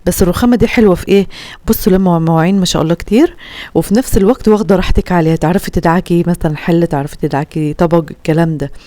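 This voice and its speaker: Upper egyptian woman vlogging, earnest advice, dry close sound, talks quick. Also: fairly low pitch, warm tone, dry recording. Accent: Upper Egyptian Arabic. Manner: earnest, heartfelt, full of pious phrases. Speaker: home vlogger. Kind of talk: casual chatty advice to viewers.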